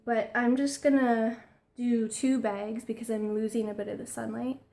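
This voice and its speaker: A woman's voice: on the high side, normal speed. Chatty young woman, slightly breathless. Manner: chatty and excitable, with frequent ums and laughs. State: a little out of breath. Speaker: crochet vlogger. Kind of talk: casual show-and-tell vlog. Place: home room lit by daylight.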